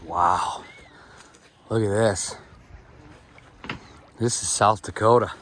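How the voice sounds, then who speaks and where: A man hosting a casual fishing vlog outdoors on a lake boat, talking in an excited, chatty way. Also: fairly low pitch, slow. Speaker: fishing vlogger. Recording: light outdoor noise.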